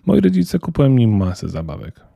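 A man's voice: mid-range voice, sing-song, a little fast, vocal fry, dark tone, dry recording, clean studio sound, voice pushed up, exaggerated voice. A man voicing a spoiled, defiant eight-year-old girl who talks in a cold, smug, self-assured way.

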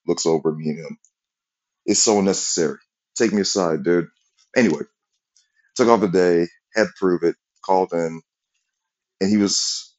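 Deep-voiced man ranting profanely. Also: lo-fi sound. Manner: profane, animated, rambling. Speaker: vlogger telling a work story. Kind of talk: casual storytelling rant.

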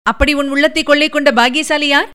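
A woman's voice: high-pitched, steady tone, pushed and bright. A woman reading the part of a composed royal princess in an audiobook, speaking firmly and with dignity. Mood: dignified. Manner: dignified, firm, measured.

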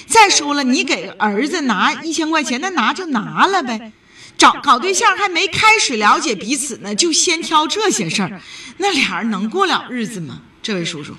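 A woman with a high, sing-song voice hosts a call-in advice show, speaking at a moderate pace in a pushed, bright tone from far off the mic. She lectures callers firmly and raises her voice to get through to them.

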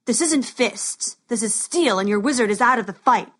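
A woman's voice: on the high side, animated, moderate pace, a bit bright. A woman narrator voicing a menacing armored male thug who taunts his opponent. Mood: taunting. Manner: taunting, sneering.

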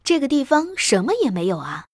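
A woman's voice: high-pitched, big pitch swings, a little fast, husky, no room sound, clean studio sound, full character voice. Storybook badger: hearty, exclaiming, cheerful , a woman reading. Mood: puzzled. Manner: exclaiming, delighted. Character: hearty, enthusiastic adult badger.

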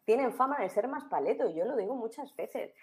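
A woman's voice: a little high, lively intonation, a little fast, a crowd in the background. A woman from La Mancha with a Spanish accent, talking in casual chat, reflective and hesitant with many fillers. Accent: Spain Spanish. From La Mancha, Spain.

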